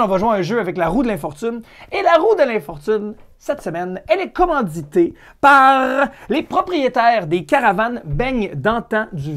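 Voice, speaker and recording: A man with a Quebec French accent hosting a comedic podcast, chatty and irreverent, swearing casually with lots of fillers and restarts. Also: high-pitched. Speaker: podcast host.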